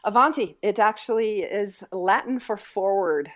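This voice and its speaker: A woman's voice: medium pitch, measured pace, fairly bright tone. A woman, a company founder, talking energetically as a guest on an interview podcast and often restarting her sentences. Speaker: guest, founder and CEO of a financial firm.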